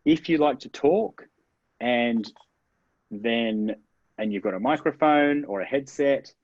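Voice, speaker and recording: A man's voice: mid-range voice, slow, darkish tone, no room sound. A man answering interview questions as a marketing expert, explaining step by step in an upbeat way and stressing key words. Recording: dull, dry lo-fi sound.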